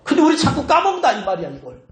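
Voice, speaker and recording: In a very echoey church sanctuary, a man preaches a sermon at a racing pace, his high, lively voice swinging up and down as he scolds and teases his listeners. He speaks straight to the congregation like a pastor who knows them well.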